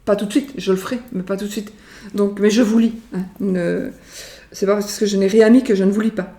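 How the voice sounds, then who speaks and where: A woman's voice: medium pitch, fairly even intonation, a little fast, warm tone, a little hiss or hum. Woman, casual vlog chat, rambling with fillers, home kitchen, roomy echo, distant mic. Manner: rambling, chatty, repeats herself and uses many fillers. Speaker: psychic vlogger presenting her oracle cards.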